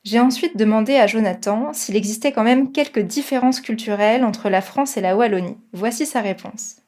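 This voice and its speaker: Femme animatrice de podcast. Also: female voice, fairly high pitch, moderate pace, a little mellow. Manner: brief listening responses. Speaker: podcast host. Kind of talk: podcast narration and interviewing.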